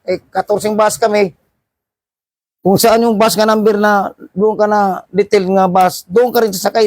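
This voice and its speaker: Man, high voice, middle-aged, dry close sound, animated storytelling with restarts. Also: no room sound. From Philippines. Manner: animated anecdote with acted-out shouts and frequent restarts. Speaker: seafarer vlogger. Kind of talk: casual storytelling.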